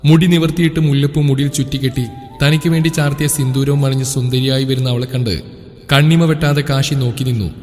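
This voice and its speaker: A man reading a romance story aloud in a steady, descriptive way. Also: mid-range voice. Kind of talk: scripted narration of a romance story. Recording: echoey room with background music.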